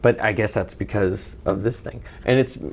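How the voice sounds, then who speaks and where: A man's voice: fairly low pitch, moderate pace, slight background noise. Playful joking male co-host. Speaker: co-host of a guitar shop show. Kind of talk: casual chat.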